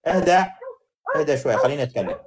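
A man in a heated live-stream debate who interrupts often and keeps telling the other speaker to calm down. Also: on the high side, very fast, a crowd in the background.

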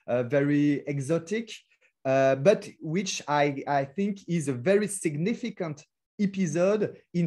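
Man, French accent, fairly high, mellow voice; hesitant academic webinar lecturer, filler-heavy, careful non-native phrasing. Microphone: video call.

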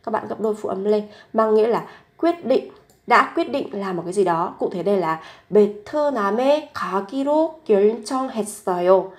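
A young adult woman gives a patient language lesson. She explains grammar points step by step and repeats each example sentence slowly so learners can follow. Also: mid-range voice, expressive. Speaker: Korean language teacher.

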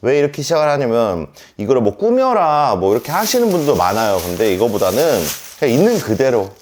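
A man's voice: medium pitch, huge pitch swings, brisk, darkish tone. A man in his thirties chatting to viewers at home while eating a delivery meal and drinking, in a casual mukbang vlog. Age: 30s. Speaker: mukbang vlogger.

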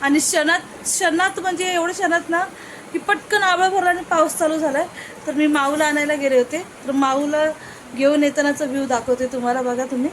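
A mother keeps a casual family vlog going as she walks home along a village path, then chats with her young daughter once inside. Her voice sits high, and the rough recording carries slight background noise.

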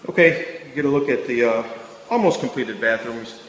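A man's voice: mid-range voice, normal speed. A man with a Chicago accent, a remodeling contractor walking through a factory bathroom job and explaining the work in a plain, matter-of-fact way with many fillers, filmed on a handheld phone. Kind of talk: casual walkthrough narration. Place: large unfinished factory bathroom. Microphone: handheld phone camera. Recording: echoey empty room.

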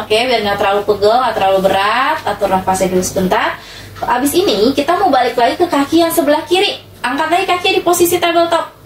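High-voiced Indonesian woman counting workout reps. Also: slight background noise. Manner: counting workout reps between short instructions. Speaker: fitness instructor for older adults. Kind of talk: exercise instruction, cueing breaths and counting reps. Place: small tiled indoor room at home. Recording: echoey room, distant mic, music behind.

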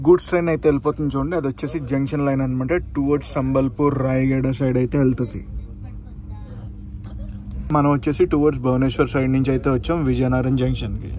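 A man's voice: medium pitch, fairly even intonation, fast talker, mellow. Chatty man vlogging from a moving train. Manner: chatty, addresses viewers directly, points things out. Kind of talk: casual travel vlog narration. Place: on a train and station platforms, outdoors. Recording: train and station noise behind.

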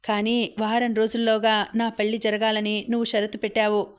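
A woman voicing an earnest young man who proposes in a soft, steady, pleading voice. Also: on the high side, normal speed, clean tone, lightly acted. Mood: tender pleading.

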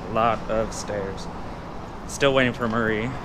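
A man's voice: lowish voice, fairly even intonation, a little slow. A young man casually narrating a walking vlog to a handheld camera outdoors, in an easygoing, rambling way. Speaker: vlogger. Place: outdoors on busy city streets and a pier. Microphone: handheld camera at arm's length. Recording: loud outdoor street noise. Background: loud traffic and street noise.

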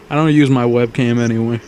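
A let's play host reads visual novel text aloud in casual gaming banter, tossing in crude jokes and laughing readily at himself. His mid-pitched voice has a slightly mellow quality and comes through a wireless mic over a faint background hiss.

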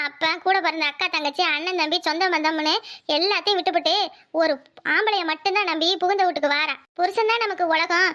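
A woman voicing a calm, wise village woman in a Tamil cartoon, with a southern Tamil accent, lecturing earnestly. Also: very high-pitched. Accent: southern Tamil Nadu. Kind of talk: cartoon voice acting.

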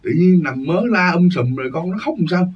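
A man playing an annoyed father with a brusque, scolding tone, his husky voice a bit raised. The sound is dull and lo-fi, from a mic set well back. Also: high voice, expressive, normal speed, voice pushed up. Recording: dull lo-fi recording, distant mic.

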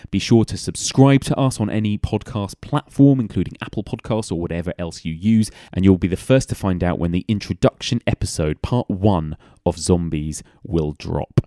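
Deep-voiced man hosting a podcast. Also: mellow, no room sound, studio quality. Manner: chatty, upbeat promo delivery. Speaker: podcast host. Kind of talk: casual podcast announcement.

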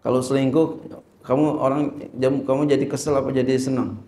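A man's voice: mid-range voice, flat delivery, brisk, mellow, reverberant. A male Islamic teacher teaching a religious lesson. He reads Arabic text, translates it and asks rhetorical questions.

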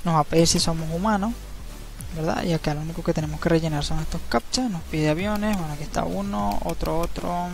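A man narrating a screen-recorded tutorial, explaining each step in a relaxed, easygoing way and often checking in with the viewer. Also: a little high, fast, gravelly. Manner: relaxed, step-by-step, frequent tag questions. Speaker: crypto channel host. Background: faint background music.

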